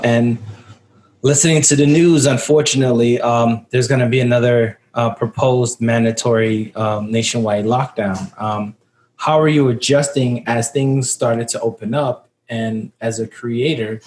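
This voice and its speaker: A man's voice: medium pitch, darkish tone, a little hiss or hum. Rambling man hosting a podcast. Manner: rambling questions with many fillers. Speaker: podcast host. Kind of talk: casual interview chat.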